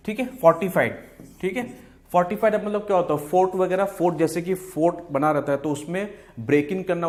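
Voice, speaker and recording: Speaking in a slightly high voice with an Indian English accent, a man runs an exam-prep vocabulary lesson. He moves between Hindi and English, repeats every key word and answer, and keeps dropping "fine" and "okay" between points.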